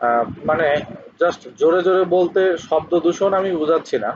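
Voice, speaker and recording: Male tutor, fairly high voice, halting, spells words aloud, dull lo-fi sound. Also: expressive, a little mellow. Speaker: English teacher. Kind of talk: spoken homonyms lesson. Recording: dull lo-fi recording with faint hiss.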